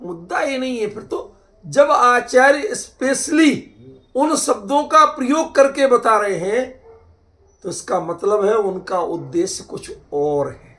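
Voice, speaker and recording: A man's voice: extremely high pitch, animated, takes it slowly, fairly bright tone. A man leading an interactive scripture discussion, explaining emphatically with homely examples and constantly checking whether his listeners follow. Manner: keeps quizzing listeners with rhetorical checks. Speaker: scripture teacher. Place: online group session.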